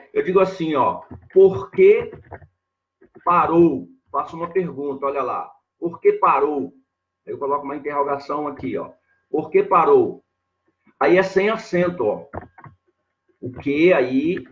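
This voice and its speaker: A man teaching grammar in a live online lesson, talking slowly and repeating himself as he points things out on a board. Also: a little high, a bit bright, highs cut off. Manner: slow and repetitive, constantly saying "ó" and "olha lá" while writing on a board.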